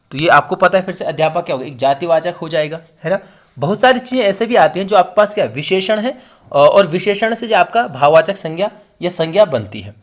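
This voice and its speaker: A man's voice: sits high, fairly bright tone. A young man with an Uttarakhand Hindi accent, teaching an online exam-prep class and explaining with repetition and emphasis. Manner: explanatory, repeats words for emphasis, addresses students directly. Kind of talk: online lesson.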